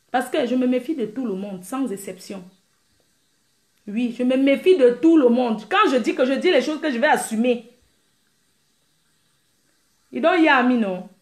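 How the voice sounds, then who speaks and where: A woman's voice: high voice, echoey room. A woman hosting a casual live stream, brash and teasing, answering viewers and laughing often. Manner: animated, mimics crying sounds.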